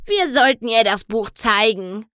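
A woman's voice: fairly high pitch, lively intonation, measured pace, bright, forceful tone, clear, resonant tone, no echo, studio quality. A woman reading a storybook aloud and voicing a grumpy old mare pony who grumbles surlily. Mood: grumbling. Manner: grumbling, surly.

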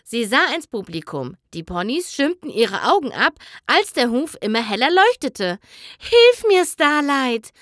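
Woman, storybook narrator, expressive, higher voice, dry close sound. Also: normal speed, hardly any pauses, no echo. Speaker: audiobook narrator.

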